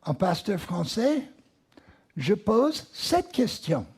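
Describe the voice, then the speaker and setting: Preacher, male, American accent, slow and emphatic, slightly husky tone. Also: high voice, very animated, a little mellow. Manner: slow, emphatic, repeats key words. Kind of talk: sermon. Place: church.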